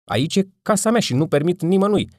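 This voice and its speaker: A man's voice: sits high, expressive, darkish tone, dry recording, studio quality, voice pushed up. A man doing a frantic, overly polite Gavrilescu. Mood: agitated. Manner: formal, anxious pleading. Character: flustered middle-aged man, polite and bewildered.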